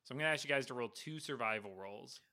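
A man narrating and explaining the world as game master of a tabletop role-playing game, in a relaxed, explanatory way. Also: mid-range voice, quick pace.

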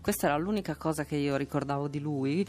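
A woman author and director speaks as a radio guest. She tells a family story at an unhurried pace, relaxed and reflective. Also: low voice. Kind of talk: radio interview.

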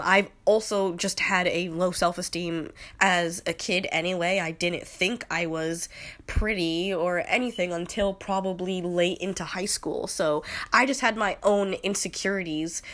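A woman in her late twenties hosts a podcast, talking loosely through her opinions with lots of fillers and restarts. Her lowish, slightly bright voice is steady in tone and measured in pace, with a slight nasality from a cold.

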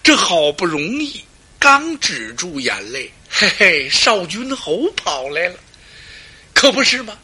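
A man's voice: high-pitched, big pitch swings, slow, sharp tone, breathy edge, voice pushed up, heavily acted. A man voicing a group of fretful male court officials who grumble and plead in exasperation.

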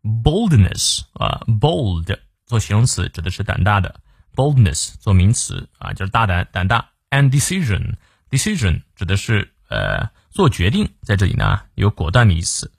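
A man hosting a daily English reading lesson, explaining words and pronunciation in a lively way, stretching filler particles and reading English lines slowly. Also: on the low side, gravelly, husky, no echo, studio quality.

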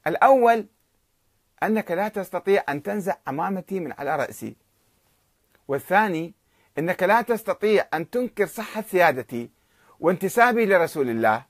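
A man voicing an indignant elderly male cleric who shouts back emphatically in a retold story. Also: sits high, very animated, fairly quick, long pauses, dry recording, studio quality, pitched above the performer's own voice, full character voice. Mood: defiant.

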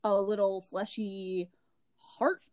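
A woman's voice: mid-range voice, level tone, slow, darkish tone. A woman co-hosts a casual movie review podcast in a mid-range voice. She fills in plot details and throws in dry, joking asides. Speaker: podcast co-host. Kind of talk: casual film review chat.

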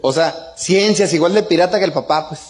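A middle-aged man telling family anecdotes in a seminar talk, colloquial and joking, often tagging lines with quick checks to the audience. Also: fairly high pitch, darkish tone, a little hiss or hum. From Mexico. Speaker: speaker.

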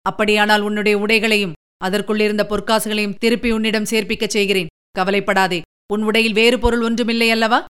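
Woman reading a stern older commander guy, bossy, voice pulled a little lower, smooth and clear. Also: level tone, a little fast, fairly bright tone, close to an everyday voice. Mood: commanding. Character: stern older male fort commander, authoritative.

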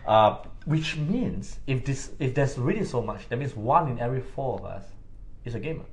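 A man's voice: mid-range voice, animated, normal speed. A man with a Singaporean accent co-hosting a podcast in a casual, conversational style. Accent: Singaporean (Singlish). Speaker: podcast co-host.

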